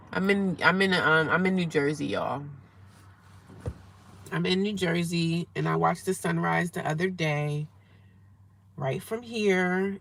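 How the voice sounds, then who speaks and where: A woman's voice: on the low side, gravelly. A woman chatting casually with viewers on a live stream from a parked car, repeating herself and reading comments aloud. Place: parked car beside a highway. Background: faint traffic noise.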